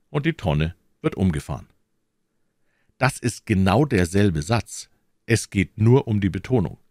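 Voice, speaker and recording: A man explaining German grammar to learners, talking slowly and carefully and walking through examples. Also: low-pitched, a little mellow, dry recording, clean studio sound. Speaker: German teacher.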